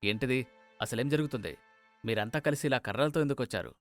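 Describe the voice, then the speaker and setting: A man's voice: mid-range voice, fairly quick, no echo, faint music behind, close to an everyday voice. A man voicing a puzzled, defensive middle-aged schoolteacher in a cartoon story. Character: calm middle-aged male schoolteacher, bewildered.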